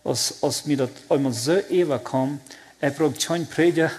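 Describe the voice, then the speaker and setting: Man, Plautdietsch accent, slightly high voice; earnest, halting, heartfelt testimony delivery. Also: a little mellow. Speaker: believer giving a personal testimony. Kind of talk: personal religious testimony.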